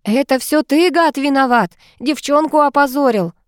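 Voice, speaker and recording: Woman voicing a fiery, shouting male cat familiar. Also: a little high, lively intonation, normal speed, no echo, studio quality, natural voice. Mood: furious. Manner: shouting, indignant outbursts. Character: hot-tempered male cat familiar, loud and protective. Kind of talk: audiobook character voice.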